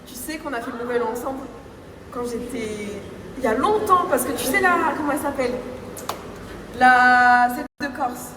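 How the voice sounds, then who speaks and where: A woman's voice: high-pitched, moderate pace. A woman from Corsica chatting casually in a giggly, talkative way. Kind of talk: casual chat. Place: large echoing indoor filming premises. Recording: roomy echo with crowd and noise.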